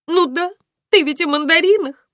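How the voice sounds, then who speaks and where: A woman reading an audiobook, voicing a gushing, overwrought young woman friend in a high, rushed voice. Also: a bit bright, no echo, studio quality. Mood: tearful. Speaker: audiobook reader.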